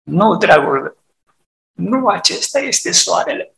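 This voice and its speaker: A preacher voicing a patient mother who answers her small child calmly, in a roomy hall. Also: medium pitch, vocal fry. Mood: gentle.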